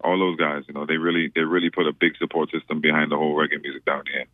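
Very deep fast-talking man on a phone line. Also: flat delivery, no echo. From Trinidad. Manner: laid-back, repeats words, many "you know" fillers. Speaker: reggae musician guest. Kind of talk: casual radio interview. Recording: dry tinny phone line.

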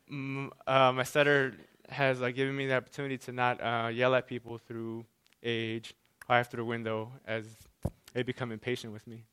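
A man delivers a personal stage talk while stuttering, with frequent sound repetitions and restarted words. His smooth, slightly bright mid-range voice stays level and moves at normal speed.

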